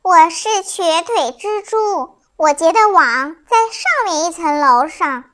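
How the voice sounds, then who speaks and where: A woman voicing a small, odd, lame spider that calls out in a high, drawn-out voice. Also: animated, fairly bright tone, full character voice. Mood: eerie, calling. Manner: high and drawn out, calling from afar.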